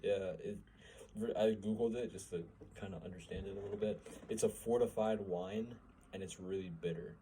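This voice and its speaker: A young man with a fairly low voice tells a story on a podcast. He keeps it casual, laughing and swearing freely. A faint hiss sits under the recording. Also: normal speed, warm tone, low-quality recording. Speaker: podcast co-host. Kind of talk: casual chat.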